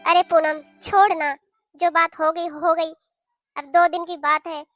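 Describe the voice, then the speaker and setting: A woman's voice: extremely high pitch, little pitch movement, measured pace, fairly bright tone, soft background music. A woman voicing a stern older mother-in-law in a cartoon, who lectures and scolds her daughter-in-law. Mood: placating. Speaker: cartoon voice actor. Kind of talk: cartoon voice acting.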